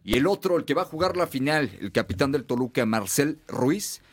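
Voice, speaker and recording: A man hosting a sports talk show who asks long, lively questions. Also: fairly high pitch, normal speed.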